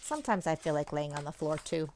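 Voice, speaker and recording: A children's author, speaking fast in a low-pitched voice, reads a picture book aloud with expression and chatty asides aimed straight at young listeners. Her manner is animated, and a little hiss or hum sits under the recording.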